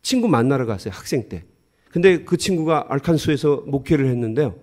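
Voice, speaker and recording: A middle-aged man delivers a sermon full of homely anecdotes, his pitch swinging up and down in a lively, animated way. He laughs often as he tells his stories to the congregation. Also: brisk. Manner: lively storytelling, acts out dialogue, laughs often. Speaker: pastor.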